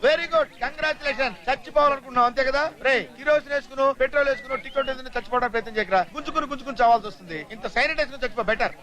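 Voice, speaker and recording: An actor dubbing a boisterous male teacher in a comic film, joking and mocking in rapid banter. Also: very high-pitched, bright, forceful tone. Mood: teasing. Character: boisterous teasing male teacher giving love advice.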